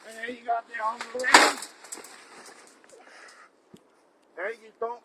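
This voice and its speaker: A man doing a rambling cranky drifter, high voice. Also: flat delivery, a little fast, very noisy. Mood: irritated. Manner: rambling, drawling, calls everyone "boy". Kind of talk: improvised character comedy.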